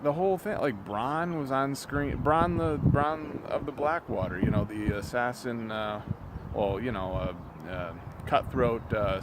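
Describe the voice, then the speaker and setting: Drunk guy doing a sweary fed-up video rant, rambly and stumbling over words, noisy outdoor traffic-type sound behind him. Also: mid-range voice. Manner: drunken, rambling, halting, repetitive; exasperated, profane. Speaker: YouTube reviewer. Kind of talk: off-the-cuff video rant about a TV show.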